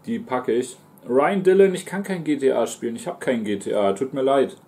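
A man's voice: mid-range voice, animated, fairly quick, mellow. A man in his twenties with a German accent, chatting casually on a livestream and answering viewers while he eats. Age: 20s. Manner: talks between mouthfuls, reading out and answering chat. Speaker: streamer and mukbang host. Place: small living room, indoors on a sofa.

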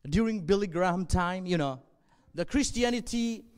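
Male pastor in his 40s, native Zomi speaker, earnest measured sermon, slightly high voice, long hall reverb. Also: animated, darkish tone, clean tone. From northwest Burma. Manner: earnest, measured, with frequent pauses and fillers. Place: church stage, indoors. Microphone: handheld.

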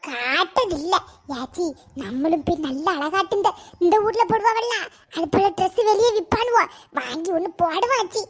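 A cheeky young village woman in a cartoon, voiced by a woman, whines and pleads. Her voice is very high and squeaky, with a crackly edge. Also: moderate pace, few pauses. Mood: pleading.

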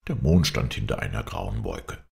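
Very deep, gravelly male audiobook narrator. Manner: measured, expressive storytelling. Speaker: audiobook reader.

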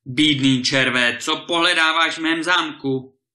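A man voicing a huge, boastful male giant lord in a storybook reading, with a booming, thundering delivery. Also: pushed and bright. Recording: roomy echo.

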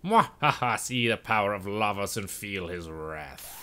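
A man voicing a cruel, gloating video game tyrant in a slow, theatrical, menacing villain manner. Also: lowish voice, animated, pushed and bright, clean tone. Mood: mocking, gloating. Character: cruel gloating tyrant serving a monstrous power.

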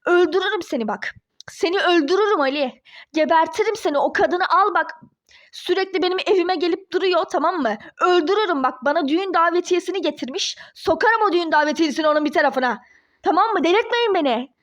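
A woman voicing a furious young ex-wife in a toy-game role-play drama, shouting threats and cursing. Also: very high-pitched, quick pace. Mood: threatening.

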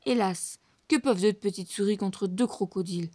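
A woman reading a children's storybook aloud in an expressive, lively way. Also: medium pitch, moderate pace, no room sound. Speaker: storybook reader.

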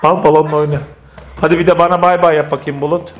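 A hoarse man narrates a casual family vlog at home, laughing and gently coaxing his children along. His voice sits a bit high for a man, and a steady noise hangs under the recording. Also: fast. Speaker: family vlogger filming his kids.

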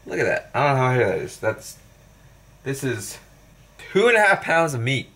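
A man's voice: mid-range voice, very animated, moderate pace, bright, forceful tone, breathy edge. A man chatting casually to his viewers in a home vlog. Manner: casual, talks straight to viewers. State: out of breath. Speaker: fitness vlogger.

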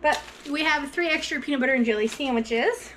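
A woman's voice: high-pitched, fairly quick, fairly bright tone, a little hiss or hum. A mother in her thirties chatting casually and enthusiastically to viewers in her home kitchen as she unpacks groceries. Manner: upbeat, enthusiastic, talks straight to viewers. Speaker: vlogger, mother.

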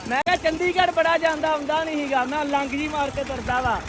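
A man's voice: very high-pitched, fairly even intonation, fast talker. A young man with a Punjabi accent chatting casually and expressively, teasing and repeating his phrases as he vlogs outdoors. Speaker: vlogger. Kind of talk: casual chat while vlogging farm work. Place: outdoors on a farm. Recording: noisy outdoor recording with engine hum.

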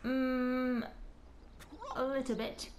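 A giggly woman chatting casually while she plays a video game, talking slowly with a fairly high voice. the room is echoey, with steady background noise. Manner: giggly, easily delighted. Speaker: co-host playing a video game. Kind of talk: casual chat while gaming.

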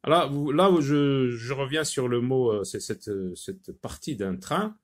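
Guy teaching french sounds real slow, says each word over and over, lots of euhs. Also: medium pitch. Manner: slow, repeats words, many filler hesitations. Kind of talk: slow phonics lesson.

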